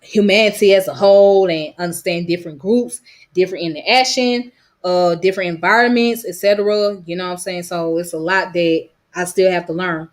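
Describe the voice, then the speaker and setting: In a rambling vlog monologue, a woman from Georgia speaks a little fast in a lowish, steady voice with a strong Georgia Southern accent. Her voice sounds slightly worn, and she leans heavily on "you know what I'm saying" as filler.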